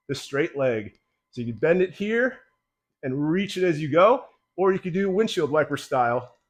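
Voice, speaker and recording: Slightly breathless male mobility coach. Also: a little high. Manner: coaching while doing the moves, calm and encouraging. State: a little out of breath. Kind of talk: guided exercise instruction.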